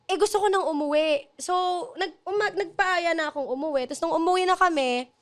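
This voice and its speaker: A woman's voice: extremely high pitch, brisk. A woman in casual chat, animatedly telling the story of her proposal and laughing often.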